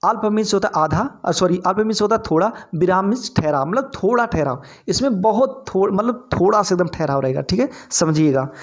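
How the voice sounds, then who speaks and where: A man's voice: sits high, animated, fairly quick, few pauses. A man teaching an exam-prep grammar lesson, repeating his points and checking in with his listeners often. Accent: Hindi-speaking north Indian.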